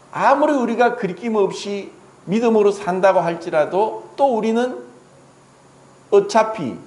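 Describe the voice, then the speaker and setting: Man, pastor, dramatic sermon, high animated voice, echoey church hall. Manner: dramatic, voices Jesus and Peter in quotes.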